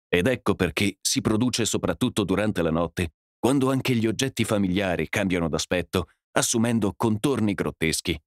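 Expressive low-voiced male storyteller. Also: no echo, studio quality. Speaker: narrator. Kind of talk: audiobook narration.

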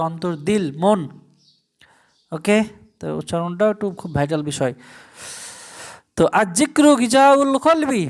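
An Arabic language teacher giving a recorded lesson, drawing the Arabic phrases out slowly, then explaining them in quick asides and asking the listener rhetorical questions. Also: mid-range voice.

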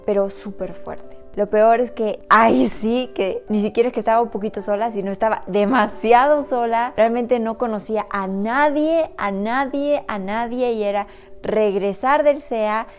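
Woman, vlogger, confessional, earnest, talks straight to viewers, mid pitch, faint music behind. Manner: earnest, addresses viewers directly. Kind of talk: personal confessional talk to camera.

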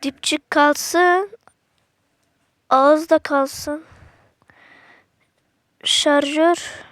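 A woman's voice: sits high, fairly even intonation, extremely slow, a bit bright, no echo, studio quality. A woman giving casual, slangy gameplay commentary to her viewers, with sudden frustrated outbursts. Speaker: gaming channel host.

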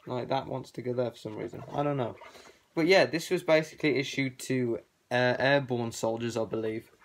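A man's voice: medium pitch, moderate pace. A young man talking through a balaclava, casually rambling with lots of hesitation as he shows off his collection. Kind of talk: casual show-and-tell vlog.

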